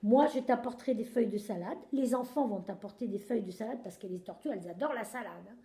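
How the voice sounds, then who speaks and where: A gentle mother nurse, as a woman puts her on, calm and soft-spoken. She talks low and soothingly in a storybook tale. Her voice is mellow in an echoey room. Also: fast, natural voice.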